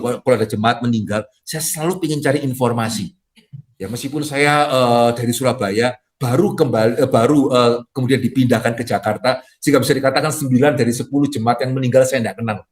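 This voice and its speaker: A man's voice: medium pitch, fast talker. A middle-aged male pastor from Indonesia giving a sermon in a conversational way, with frequent tag questions and playful acted-out quotes. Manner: lively, acts out quoted dialogue with jokes; conversational preaching with frequent "ya" tags.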